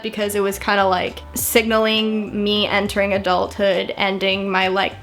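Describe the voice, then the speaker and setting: A vlogger, an American woman in her twenties, chats casually to camera in a mid-range, slightly bright voice. She rambles, often corrects herself and lets out small laughs.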